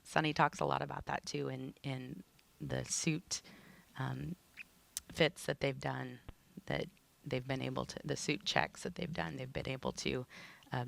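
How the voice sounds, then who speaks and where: Female broadcast commentator, conversational explainer, plain-spoken, with a creaky edge. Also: sits low.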